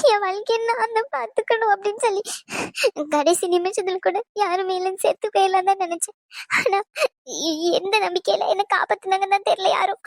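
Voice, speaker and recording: A tearful young woman in a cartoon, overwhelmed and grateful, voiced by a woman. Her voice sits high and trembles, and she stumbles over her words. The dry, close recording adds no room sound. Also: no echo. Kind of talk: cartoon voice acting.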